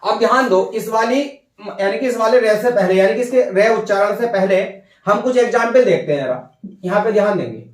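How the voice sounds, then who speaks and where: A high-pitched man explains a grammar point step by step, circling back over each idea and pausing to ask whether it is clear. He sounds a little distant from the mic, in a room with a noticeable echo. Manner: repetitive, checks understanding with "ठीक है" and "भैया". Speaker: Hindi grammar teacher. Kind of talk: whiteboard grammar lesson.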